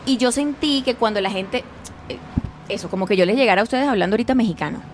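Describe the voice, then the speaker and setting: Fast-talking Venezuelan woman, noisy backdrop. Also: on the high side. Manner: animated storyteller, acts out quoted voices. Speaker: guest actress. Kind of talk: casual podcast chat.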